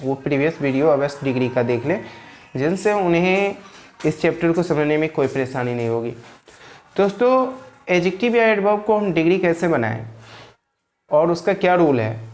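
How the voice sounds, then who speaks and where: A man's voice: on the high side, darkish tone. A man teaching an English grammar lesson, who keeps asking and answering his own questions and repeating key words for his viewers.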